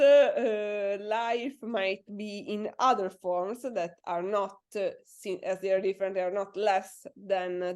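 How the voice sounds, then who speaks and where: Hesitant and thoughtful, with many filler words, this woman in her 20s speaks in a mid-range, somewhat mellow voice. She's an astrophysics doctoral student chatting casually as a guest in a science interview.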